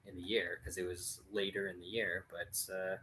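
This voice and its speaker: A man in his late thirties co-hosting a casual podcast, relaxed and hesitant, with many fillers. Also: low-pitched, normal speed, slight background noise, rough recording. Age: 30s. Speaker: podcast co-host.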